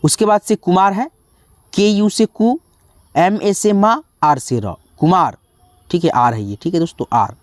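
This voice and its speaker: A teacher slowly spelling out words one letter at a time, often calling the listeners friends. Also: medium pitch, no room sound. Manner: slow, drawn-out spelling with frequent "dosto". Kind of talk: spelling lesson.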